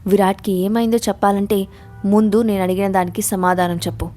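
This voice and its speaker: A woman's voice: mid-range voice, flat delivery, warm tone, faint music behind, lightly acted. A woman doing a grave young gangster. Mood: stern. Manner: grave and slow. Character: menacing young man, gangster, gruff.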